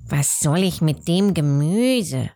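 Grumpy sly fox, a lady reading him, low and slow. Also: animated, warm tone, no echo, heavily acted. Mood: scornful. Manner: grumbling and scornful. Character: gruff sly grown fox.

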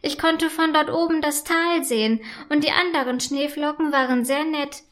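A woman's voice: high-pitched, moderate pace. A woman voicing a small cheerful female snowflake in a children's storybook, friendly and a little proud. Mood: dreamy. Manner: bright, friendly, a bit proud. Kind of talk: storybook reading.

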